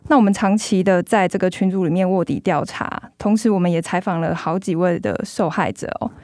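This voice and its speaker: A woman's voice: lowish voice, brisk, a little mellow, no room sound, studio quality. A woman with a Taiwanese accent hosts a podcast as a journalist, speaking through a face mask. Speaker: magazine journalist hosting a podcast. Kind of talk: podcast hosting, semi-scripted narration and discussion.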